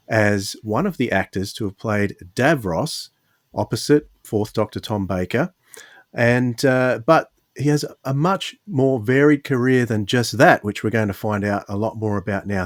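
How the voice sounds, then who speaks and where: This man's mid-range voice comes through a dry, studio-quality recording. Hosting a casual conversational podcast, he rambles and hesitates, frequently correcting himself.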